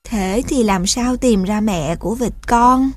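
Helpful frog, eager and brisk; woman narrator. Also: fairly high pitch, a little mellow, dry recording, clean studio sound.

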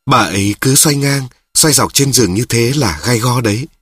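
A man reading the lines of a blunt, crude old male cart driver, slow and gruff, with a husky voice. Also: mid-range voice, a bit bright, no room sound, studio quality.

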